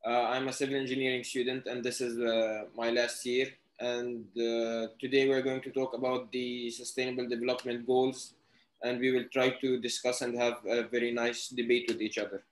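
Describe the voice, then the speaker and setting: A man's voice: medium pitch, flat delivery, moderate pace. A man from Syria, a student panelist, introducing himself with some hesitation. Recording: roomy echo.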